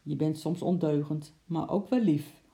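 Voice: medium pitch, measured pace, warm tone, lightly acted. A reader doing a flustered, worried mother. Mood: fretful.

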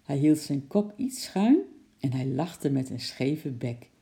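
A reader calmly narrating a children's storybook in a gentle storytelling manner. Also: mid-range voice, slow, vocal fry.

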